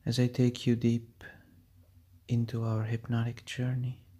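A man performing an ASMR hypnosis roleplay, murmuring slow repeated commands and often dropping into a whisper. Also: medium pitch, monotone, warm tone, husky. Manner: repetitive chanting commands.

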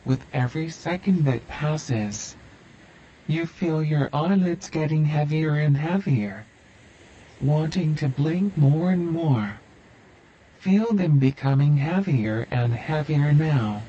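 A man leads a hypnosis session, drawing out each phrase in a slow, soothing, repetitive cadence. His voice sits a bit high for a man but has a mellow, warm tone. The recording is dull and lo-fi, with a faint hum of ambience behind him. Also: lively intonation. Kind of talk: guided hypnosis induction.

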